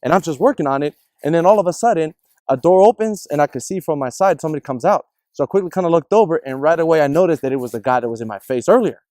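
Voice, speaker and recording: A man telling a personal story in casual discussion, animated and acting out the people in it. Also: on the high side, fast, dry recording, studio quality. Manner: animated, acts out other people's voices in his stories.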